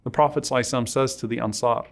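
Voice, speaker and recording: A man's voice: mid-range voice, fairly even intonation, rapid-fire. A man preaching a sermon, earnestly and emotionally retelling a story and mixing quoted Arabic into his English.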